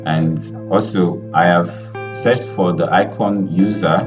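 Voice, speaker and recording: A male web development instructor teaching a live online lesson over a group voice call, talking in a halting way with many fillers and restarts. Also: sits low, fairly even intonation, muffled recording, music in the background. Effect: heard over an online group voice call.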